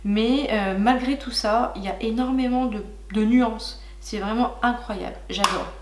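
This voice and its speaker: A young woman chatting warmly to her viewers while unboxing makeup, gushing and filling pauses with little hesitations. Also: fairly high pitch, echoey room, a little hiss or hum. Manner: chatty and gushing, many fillers, talks to viewers as "licornes". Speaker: beauty vlogger. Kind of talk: casual makeup haul chat.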